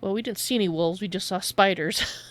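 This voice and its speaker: A woman's voice: mid-range voice, a little fast. A woman streaming a game, giving casual live commentary and often muttering to herself.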